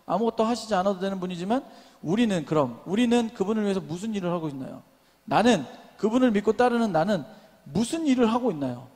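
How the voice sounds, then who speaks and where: In a large church sanctuary, a young male pastor preaches to a young adults' service, peppering the congregation with questions and calling for amens and responses. His voice is high, expressive and a little mellow, and he speaks at a quick pace.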